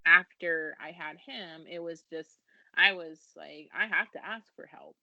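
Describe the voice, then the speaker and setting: In a podcast interview, this thirties-aged U.S. founder talks at a measured pace in a fairly low pitch, earnest yet casual, poking fun at herself and laughing while speaking. There's no room sound, and the highs are cut off.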